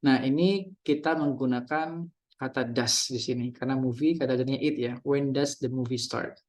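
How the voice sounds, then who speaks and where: Man, mid-pitched voice, relaxed English teacher, patient explanations, reads example questions aloud. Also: moderate pace. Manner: explains patiently, mixing in English example sentences and translating each one. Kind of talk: casual classroom explanation.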